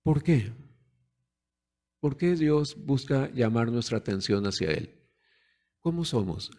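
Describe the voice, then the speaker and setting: A man with a warm, medium-pitched voice and lively intonation takes his time preaching. His conversational sermon includes rhetorical questions to the congregation and performed voices of parents and children.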